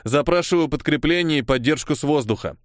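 A man's voice: a little high, a little fast, no room sound, clean studio sound, natural voice. A man reading an audiobook, voicing a curt, practical army major who reports by radio. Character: gruff army major, brisk, matter-of-fact.

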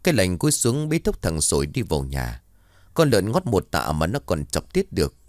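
A man narrating a village story with a lively, expressive delivery. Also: sits low, normal speed, no echo, clean studio sound.

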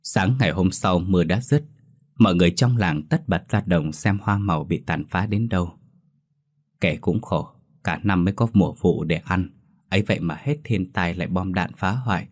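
Deep-voiced man narrating a ghost story.

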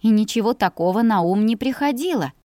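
A woman narrating a story in the first person, lively and ironic in tone. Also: fairly high pitch, brisk, no room sound, studio quality. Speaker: audiobook narrator.

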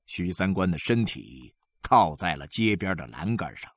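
A woman reading a story aloud in calm, measured narration. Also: rumbling low, no room sound, clean studio sound.

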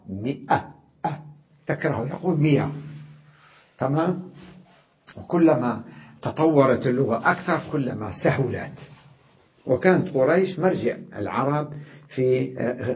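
A sheikh teaching an Arabic grammar lesson, explaining patiently, often asking "tamam?" and repeating example words slowly with drawn-out fillers. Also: male voice, mid-range voice. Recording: muffled lo-fi lecture recording.

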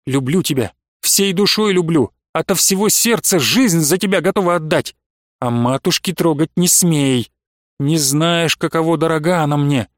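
A man reading aloud and voicing a bold, teasing young peasant woman with a quick temper. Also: fairly high pitch, no room sound, clean studio sound, lightly acted. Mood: fierce. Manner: teasing, coaxing, then fiery.

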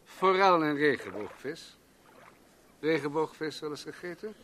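In a radio play, a man portrays a rich, self-assured businessman and bon vivant who lectures at a leisurely, pompous pace, sounding smug and commanding. His voice is fairly high and a bit bright, with lively intonation and a measured delivery, over slight background noise.

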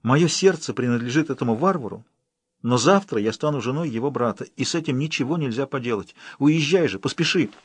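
A man's voice: medium pitch, lively intonation, a little fast, breathy edge, no echo. A man reading an audiobook, voicing a proud young woman torn between love and duty, pleading, then firm.

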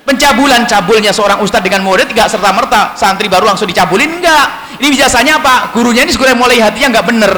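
A high-voiced man delivers a lively sermon to young students, slipping into different voices to act out conversations. His words come fast, and the sound rings with long reverb from a large hall. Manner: animated, acts out dialogues in changed voices. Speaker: Islamic preacher. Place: school hall with audience.

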